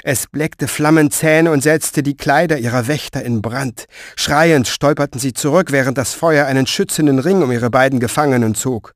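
A man narrating a fantasy audiobook in a measured, expressive storytelling manner, close to the mic. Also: mid-range voice, no echo.

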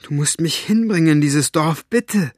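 A man voices a frightened young girl, pitching above his own voice but staying close to an everyday sound. She pleads urgently in a raised, imploring tone at a fairly high pitch and moderate pace. The recording is clean studio sound with no echo.

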